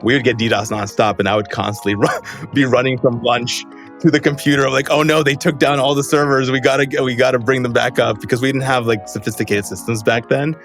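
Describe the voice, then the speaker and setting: A Los Angeles man, a company co-founder, chats as a podcast guest in a casual interview, loose and talkative, leaning on "like" and laughing through his sentences. His voice is medium-pitched and fairly bright, with fairly even intonation, and he talks fast. Soft music plays in the background.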